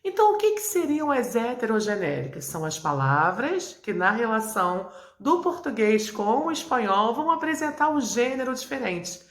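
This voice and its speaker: A woman from Brazil, a Spanish teacher, explaining terms in a clear, didactic way and repeating key points. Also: a little high, very animated, moderate pace, few pauses. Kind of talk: video lesson to camera. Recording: echoey room.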